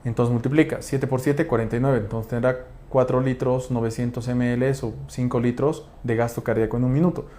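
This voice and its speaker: A man's voice: mid-range voice, steady tone, a little fast, hardly any pauses, dark tone. A man lecturing on physiology, asking rhetorical questions and checking in with tag questions. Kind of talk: explanatory lecture.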